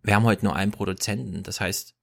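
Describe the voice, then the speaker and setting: A male podcast host with a gravelly, slightly low voice. He chats casually and reads out listener donations, dropping wry asides as he goes. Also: fairly even intonation, a bit bright. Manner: chatty, wry, quick asides.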